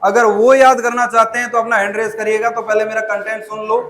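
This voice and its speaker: A man's voice: high voice, level tone, fairly quick, fairly bright tone. A man giving a memory-training demonstration to a class of students, speaking to them directly and calling them child. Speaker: memory trainer presenting a school seminar. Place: school hall with students. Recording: echoey hall.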